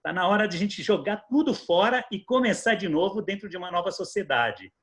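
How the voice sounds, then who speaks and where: A middle-aged Brazilian man with a Bahian accent speaks in a fairly high register. He offers reflective remarks in a discussion, earnest and rhetorical, like a manager making his case. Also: lively intonation, fairly quick, fairly bright tone. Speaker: people and technology manager, roundtable participant.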